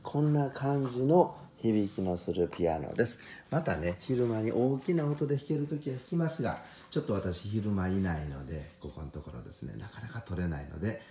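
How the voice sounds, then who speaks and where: A low-voiced man talks softly so he won't wake the neighbours, his gravelly tone rising and falling as he shows off a piano. His voice is mellow and dark, and quiet piano notes sound behind him. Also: expressive, brisk, few pauses, reverberant, a little hiss or hum. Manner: speaking quietly, half-whispered, on purpose. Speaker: piano shop owner presenting a piano. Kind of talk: hushed late-night product demo. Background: soft piano playing.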